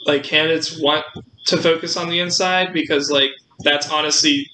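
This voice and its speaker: A man's voice: fairly high pitch, fairly even intonation, normal speed, pushed and bright. A young man co-hosting a casual podcast chat, rambling with many fillers and restarts, in a roomy room. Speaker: podcast co-host. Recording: roomy room with faint noise.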